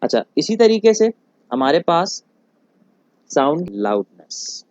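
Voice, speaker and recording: A man teaches physics in a somewhat high voice, posing questions and answering them himself. He drawls over technical terms and addresses his students affectionately as "beta". The recording is dull and lo-fi, with a dry, close sound. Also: sing-song, darkish tone, no echo. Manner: calls students "beta", slows on English terms. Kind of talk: recorded classroom lecture.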